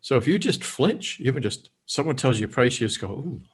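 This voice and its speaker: Calm, husky-voiced man from Canada. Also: medium pitch, brisk. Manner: calm, even-keel storyteller who drops in quoted lines. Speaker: guest, negotiation expert. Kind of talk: casual interview.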